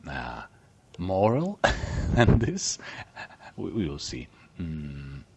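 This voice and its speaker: A man's voice: low voice, wildly swooping pitch, very slow, vocal fry, noisy background. A man casually commenting on his gameplay, chatty and playful, often dropping to a whisper. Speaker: let's play gamer.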